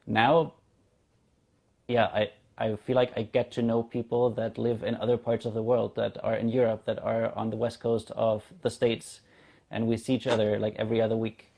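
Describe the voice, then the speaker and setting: A community founder in his thirties, a native German speaker from Germany, chats as a guest in a casual video-call interview. His voice is lowish, gravelly and dark, with little pitch movement, and he talks at a normal speed.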